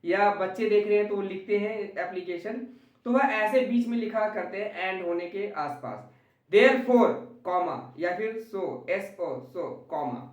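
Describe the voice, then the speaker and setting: A man's voice: sits high, expressive, measured pace, far from the mic. A man tutoring English grammar in Hindi, patiently repeating examples and talking straight to his students. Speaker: home tutor. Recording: roomy echo, away from the mic.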